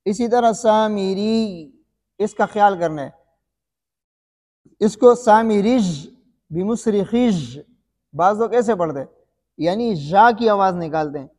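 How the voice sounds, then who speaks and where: Male recitation teacher with a high voice: repeats questions, drags out the examples, sounds heavily reverbed. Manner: repeats questions to the students and answers them himself; slow, drawn-out demonstration recitations. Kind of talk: classroom-style recitation lesson.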